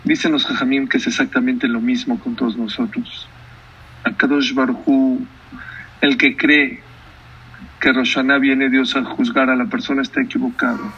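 A man's voice: mid-range voice, level tone, moderate pace, pushed and bright, recorded from a distance, dull audio, slight background noise. A man giving a sermon as a rabbi, telling a story and asking his listeners questions. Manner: storytelling, asks the audience questions.

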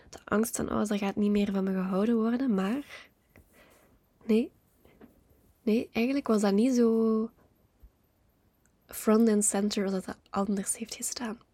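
Flemish woman, podcast host, husky voice, candid and reflective personal storytelling. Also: medium pitch, no room sound. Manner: reflective, candid, many asides and soft trailing words.

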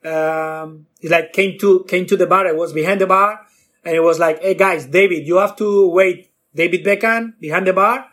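Animated man telling stories. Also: normal speed. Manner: acts out quotes with jumps in pitch, non-native grammar. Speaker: guest bartender. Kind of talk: animated storytelling.

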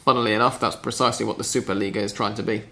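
Male podcast host, gravelly and bright, dry and chatty. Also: lowish voice, fairly even intonation, rapid-fire. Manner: reads listener questions, chatty and dry. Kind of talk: casual podcast chat.

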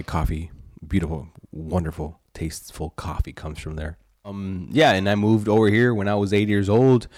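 A man from Colombia co-hosting a podcast in casual chat, relaxed and full of "you know" fillers. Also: low-pitched, no room sound, studio quality. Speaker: podcast co-host.

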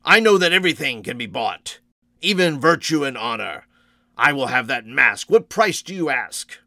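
Man playing a rude scarred man, curt and insistent, forceful, storybook character. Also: mid-range voice, lively intonation, unhurried, dry recording, clean studio sound. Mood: demanding.

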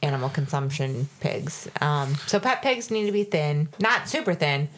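A woman with a notably low, deep-set voice chats casually as a podcast co-host. She rambles and circles back on her points, stacking fillers and restarts as she goes. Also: expressive, normal speed, slight background noise. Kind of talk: casual chat.

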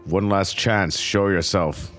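A man's voice: low voice, steady tone, slow pace, a bit bright, soft background music. A man voicing a stern, formal knight in tabletop role-play, commanding in manner. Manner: commanding, archaic phrasing.

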